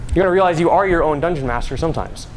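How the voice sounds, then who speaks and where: A young man with a slightly high voice talks rapid-fire during an informal live speech to an audience at a school. He tells things playfully and conversationally, like a story. The recording is noisy, with background ambience.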